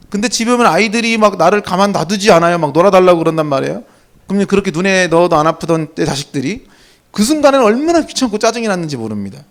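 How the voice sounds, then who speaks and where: High-voiced man preaching conversationally. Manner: conversational, animated storytelling. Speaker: pastor. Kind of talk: sermon.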